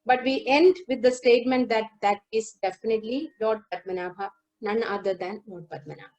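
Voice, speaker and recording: Woman, lecturer, higher pitch, careful explaining pace, video call audio. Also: darkish tone, highs cut off. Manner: explains song text line by line, sings verses slowly. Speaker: lecturer on Carnatic music. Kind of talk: lecture demonstration with sung lines.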